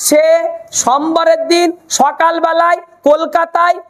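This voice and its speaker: A woman teaching English to Bengali speakers with a Bengali accent, asking questions and repeating the answers slowly. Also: extremely high pitch, little pitch movement. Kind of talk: spoken English lesson with drills.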